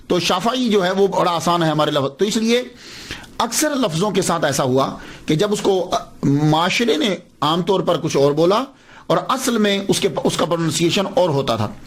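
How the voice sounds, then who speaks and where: A man giving a patient, explanatory religious lecture, repeating words to stress how they are said. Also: high-pitched.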